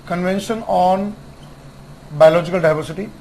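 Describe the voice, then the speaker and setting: High-voiced teacher. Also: male voice, fairly even intonation, a little mellow, a little hiss or hum, low-quality recording. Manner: repetitive, spells out acronyms slowly. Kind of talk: online exam-prep lecture. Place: classroom with whiteboard.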